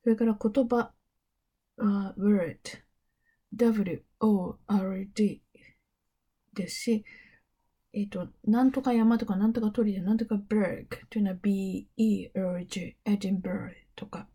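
A middle-aged woman explains things in a calm, unhurried lecture. Her voice is warm and mellow with a husky edge, and now and then she sinks to a near whisper. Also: mid-range voice. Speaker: English interpreting teacher.

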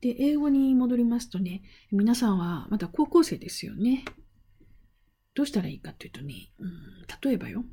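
Chatty woman teacher with a husky, mellow voice. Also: medium pitch. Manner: chatty and playful, rhetorical questions, occasional breathy asides. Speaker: interpreting instructor. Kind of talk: casual spoken lesson answering a student question.

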